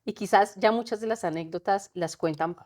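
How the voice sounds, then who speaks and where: Gentle woman hosting an interview. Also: medium pitch, normal speed. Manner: gentle, coaxing, asks openly. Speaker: podcast host.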